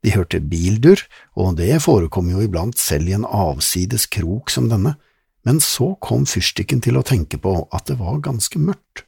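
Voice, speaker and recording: A deep-voiced man reads a children's audiobook, building suspense as he goes. His voice is very husky and low, and he keeps the telling lively and expressive. The recording is close and dry. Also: dry recording. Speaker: narrator. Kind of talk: scripted narration.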